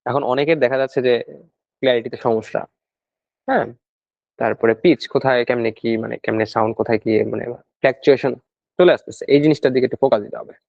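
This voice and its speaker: A man coaching students for a speaking exam talks through each step in a relaxed classroom manner, going back over his main points. His voice sits at an ordinary middle pitch. The recording is dry and close, with a dull, lo-fi tone. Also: fast talker, creaky, dry recording. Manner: explains step by step, repeats points, mixes in English terms. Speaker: PTE exam tutor. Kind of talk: casual spoken lesson.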